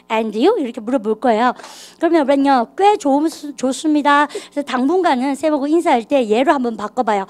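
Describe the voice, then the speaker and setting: High-voiced lively woman teaching a class. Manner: lively, coaxing students to repeat aloud. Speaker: English grammar teacher. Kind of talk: classroom lecture.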